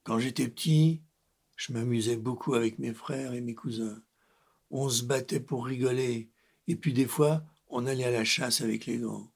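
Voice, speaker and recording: A man's voice: mid-range voice, steady tone, moderate pace, vocal fry, darkish tone, husky. A man voicing a sad, lonely male lion, king of the animals, who grumbles and growls as he talks in a children's story. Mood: brooding. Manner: grumpy, growling, sighing.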